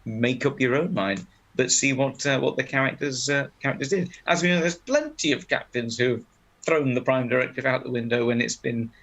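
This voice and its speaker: Husky player. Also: male voice, mid-range voice, normal speed, fairly bright tone, low-quality recording. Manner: thoughtful, musing, restarts mid-thought. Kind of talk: casual chat about the game.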